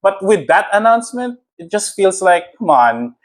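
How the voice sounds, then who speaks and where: Young Filipino male co-host, high voice, emphatic and opinionated, casual chat. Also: very animated. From Philippines. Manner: heated, emphatic, quick to laugh. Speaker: podcast co-host.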